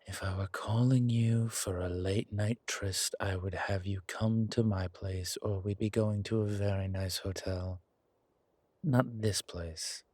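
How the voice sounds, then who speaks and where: Playing a smooth, sardonic incubus in an intimate audio roleplay, this man speaks with husky breathiness and careful, polished teasing. His lowish voice holds a steady tone and sounds a little mellow. There's no echo, and he comes across as teasing and dry.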